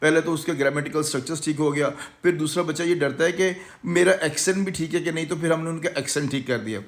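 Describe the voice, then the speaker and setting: A man with a Pakistani Urdu accent pitches his English course in a confident, salesy way. He talks in a slightly raised voice and drops English words into his Urdu. It sounds like a promotional lesson given to camera. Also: fast. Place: language institute.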